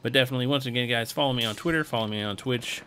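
A man's voice: medium pitch, rapid-fire, sharp tone, slight background noise. A tired young man giving casual, rambling voice-over commentary on his gameplay video, chuckling now and then. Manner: rambling, easygoing, chuckles often. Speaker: gaming channel host and streamer.

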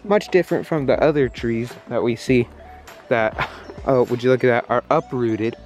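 A man's voice: medium pitch, moderate pace, a little mellow. Joking young man vlogging outdoors. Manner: joking, playful narration to camera. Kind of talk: casual travel vlog. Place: outdoors on forest trails and a harbor. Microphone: handheld camera at arm's length. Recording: music under the voice.

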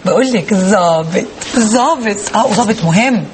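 A woman's voice: mid-range voice, animated, moderate pace, slight background noise, natural voice. An actress playing a sarcastic, melodramatic young unmarried woman in an Egyptian TV comedy, speaking with an Egyptian accent. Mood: scheming. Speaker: comic lead. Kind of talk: TV comedy acting.

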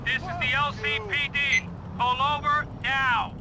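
A stern cop barking through a bullhorn. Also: male voice, very high-pitched, a little slow, vocal fry, heavily acted. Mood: commanding. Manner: commanding, barked orders. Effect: police bullhorn loudspeaker. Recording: distant noisy game audio.

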